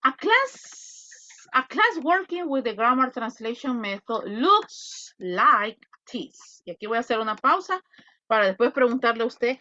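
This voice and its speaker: A Salvadoran woman teaching an online class, talking bluntly with animated asides. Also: high-pitched, muffled recording. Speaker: English teacher.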